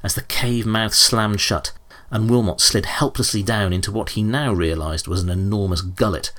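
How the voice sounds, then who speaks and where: A man reading a children's story aloud, lively and expressive. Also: fairly low pitch, moderate pace. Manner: expressive, animated character voices. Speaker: narrator. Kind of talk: audiobook storytelling.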